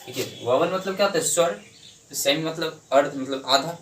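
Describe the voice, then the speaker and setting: A man's voice: on the high side, normal speed, fairly bright tone, a little hiss or hum. Male teacher drilling a class, echoey room. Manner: repeats questions to the class and answers them himself. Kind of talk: classroom lesson explaining English grammar in Hindi. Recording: echoey room, mic at a distance.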